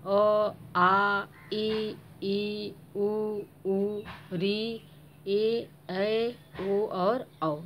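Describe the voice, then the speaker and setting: A woman's voice: mid-range voice, darkish tone, slight background noise. A woman teacher with an Indian Hindi accent, patiently explaining a grammar lesson to young children. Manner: slow, patient explaining, addresses the children directly. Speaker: school teacher.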